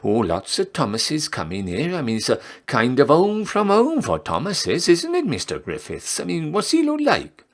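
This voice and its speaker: A man's voice: a little high, huge pitch swings, moderate pace, hardly any pauses, voice pushed up. A man voicing a gossipy, nosy Welsh barmaid with a lilting, questioning way of talking in a story reading. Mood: inquisitive, gossipy.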